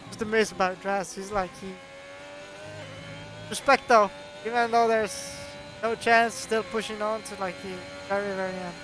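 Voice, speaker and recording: A Norwegian man, not a native English speaker and with a Norwegian accent, gives chatty, excitable commentary on a sim race and laughs often. His voice sits high and his pace is unhurried.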